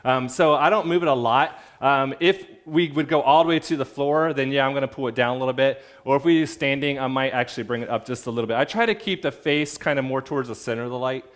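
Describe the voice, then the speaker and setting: Male photographer, brisk easygoing instructor coaching a model through poses in the studio. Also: mid-range voice. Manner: casual, directs the model, many fillers. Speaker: portrait photographer teaching. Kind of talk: hands-on studio demonstration.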